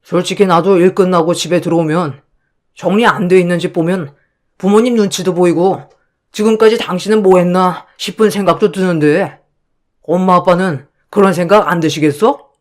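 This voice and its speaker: A woman's voice: on the low side, fairly even intonation, moderate pace, lightly acted. A woman voicing a dismissive, weary husband who sides with his parents in a dramatized story. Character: dismissive tired husband, young adult.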